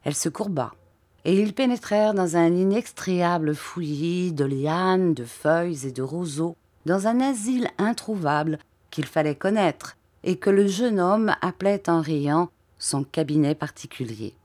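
A woman narrating a classic novel in a measured, unhurried reading voice. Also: on the low side, a little mellow, dry recording. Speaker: audiobook narrator. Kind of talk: scripted literary narration.

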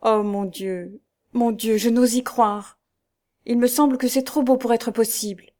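A woman reading the lines of a gentle, tearful young noblewoman in a novel, in a soft and emotional voice. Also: fairly high pitch, unhurried.

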